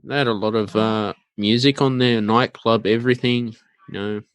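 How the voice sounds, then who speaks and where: A man hosting a podcast, chatting in a laid-back, halting way with lots of fillers and murmured agreement. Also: on the low side, steady tone, smooth, no room sound. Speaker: podcast host. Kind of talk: casual podcast chat.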